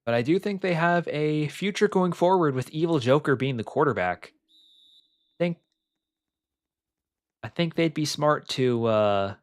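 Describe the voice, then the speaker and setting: Here a young man commentates an online football game as it happens, buzzing with excitement, wandering off track and filling gaps with "um"s. His pitch is fairly high, yet he speaks a little slowly with long pauses, and there's no echo.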